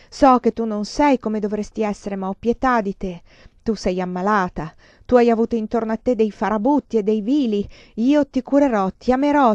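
A woman's voice: mid-range voice, a little mellow, dry recording, close to an everyday voice. A woman reading a storybook who voices a desperate, possessive male suitor, speaking with impassioned pleading and command. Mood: earnest. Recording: dry, slightly dull lo-fi recording.

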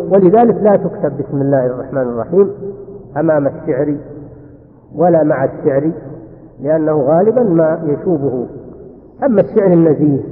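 A man explaining a religious text in a lecture, reciting verses and dropping into colloquial asides. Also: a little high. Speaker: religious teacher. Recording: tinny old cassette lecture with long hall reverb.

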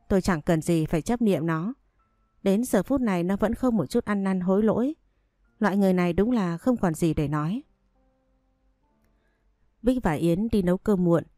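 A woman calmly reading a first-person story aloud. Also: on the low side, no room sound, studio quality.

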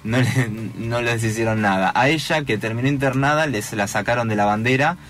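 A man's voice: medium pitch, a little fast, fairly bright tone, faint music behind. A man with a Rioplatense Spanish accent, a radio guest, telling a story in a hesitant way, with many fillers and restarts. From Argentina. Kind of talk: radio talk, recounting school events.

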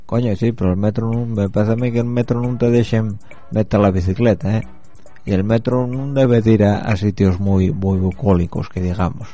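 A radio host with an Asturian accent delivers a chatty, rambling monologue, speaking directly to his listeners with many fillers. His voice is lowish and mellow, with fairly even intonation at normal speed, and faint music plays behind him.

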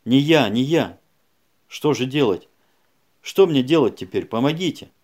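A man's voice: medium pitch, animated, unhurried, a little mellow. A man voicing a panicked pleading woman. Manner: desperate, pleading, broken phrases. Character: frightened pleading young woman suspect.

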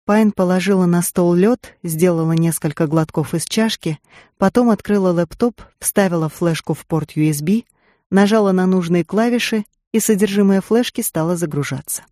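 An audiobook reader giving calm, even scripted narration. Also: medium pitch, moderate pace, dry recording, studio quality.

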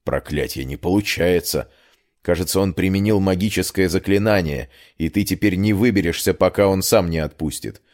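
A man voicing a shaken young male friend in a fantasy audiobook, speaking low, hushed and grim. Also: moderate pace, close to an everyday voice.

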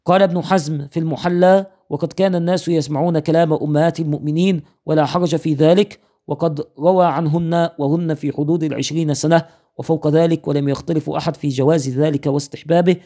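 A man's voice: a little high, steady tone, quick pace, warm tone. A man teaching Islamic jurisprudence, reading a fiqh text aloud, counting off points in order and citing his sources.

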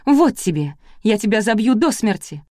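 A woman reading aloud, voicing a furious jealous farm wife who shouts threats. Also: mid-range voice, sing-song, moderate pace, dry recording, studio quality, lightly acted.

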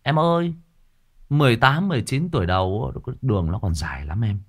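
Animated man. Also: mid-range voice, a little fast. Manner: animated, blunt big-brother advice, mocking at times. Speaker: streamer giving life advice. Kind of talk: casual livestream talk.

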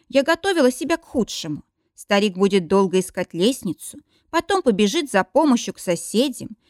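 A young woman reading a first-person story aloud in an expressive, dramatic way. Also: medium pitch, no room sound, studio quality. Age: young adult.

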